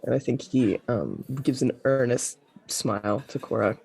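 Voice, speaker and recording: Guy with a raspy gravelly voice rambling thru a tabletop rpg, laughing a lot. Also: mid-range voice, unhurried, a little mellow. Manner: laughing, rambling, playfully awkward. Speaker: player. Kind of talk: tabletop role-play in character.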